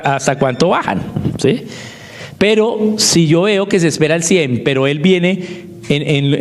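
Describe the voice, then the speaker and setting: A man giving a teaching talk on homeschooling, who keeps checking in with his listeners through short rhetorical questions. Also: on the high side. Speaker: homeschooling speaker.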